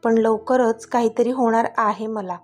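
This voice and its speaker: An eager young wife speaks with loving excitement, her voice sitting a little high, as a woman reads her part. The reading has faint music running underneath it. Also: unhurried. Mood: tender. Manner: affectionate, excited.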